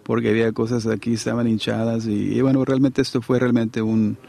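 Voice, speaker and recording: A middle-aged man delivers a sermon in a relaxed, conversational way and keeps checking that his listeners agree. His voice sits at an ordinary pitch and has a gravelly edge. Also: a little fast. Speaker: preacher. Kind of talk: sermon to a congregation.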